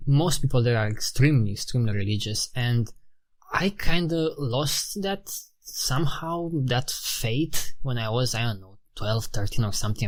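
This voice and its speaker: Speaking with a medium pitch and a Romanian accent, this man in his thirties from Romania is a thoughtful guest in a casual interview. He frequently restarts phrases and leans on "you know" and "like".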